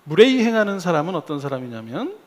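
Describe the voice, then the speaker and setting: A man preaching a sermon as pastor in a church, telling a personal story with lively acted-out asides. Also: on the high side, fast talker. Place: church sanctuary. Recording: long hall reverb.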